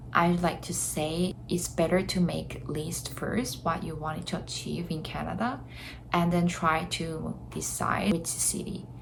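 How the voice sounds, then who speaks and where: Casual and earnest, a young South Korean woman vlogs to camera in accented English, her second language, pausing to laugh between thoughts. Her fairly low voice has vocal fry, and background noise is audible.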